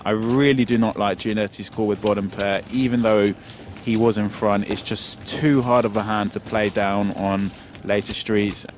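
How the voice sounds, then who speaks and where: A man giving expert poker analysis, pausing and hesitating often as he works through each hand. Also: lowish voice, fairly even intonation, slight background noise. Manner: hesitant, many fillers while analysing.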